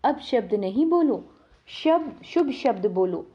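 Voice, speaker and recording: A woman giving a devotional sermon on the daily lesson, lively, asking her listeners questions and answering them herself. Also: on the high side, slow, dull audio. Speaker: spiritual teacher explaining the daily lesson. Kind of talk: devotional sermon, explaining a scripture reading.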